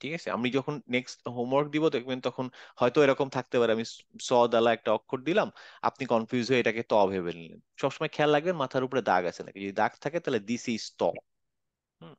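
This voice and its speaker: A man with a mid-range voice speaks at a quick pace, patiently demonstrating Quran letter sounds by repeating each one in an online class. The recording is dry.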